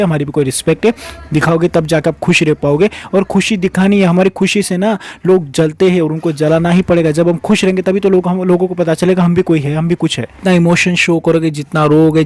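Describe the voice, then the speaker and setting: A man's voice: on the high side, darkish tone. A man with an Indian accent giving emphatic, repetitive relationship advice as a coach. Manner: emphatic, repetitive, acts out pleading quotes. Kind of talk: motivational advice monologue.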